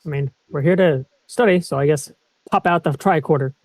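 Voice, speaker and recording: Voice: medium pitch, brisk, a little mellow, dry recording. A player in a tabletop game who jokes around and makes beeping tricorder noises. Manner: goofy, makes beeping sound effects. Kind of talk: casual tabletop game chat.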